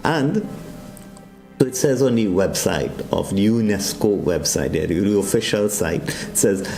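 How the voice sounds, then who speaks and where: This morning-broadcast devotional comes from a preacher from Trinidad and Tobago whose low, mellow, gravelly voice swoops suddenly upward in pitch. He is expressive and unhurried, with faint music in the background and an echoey room.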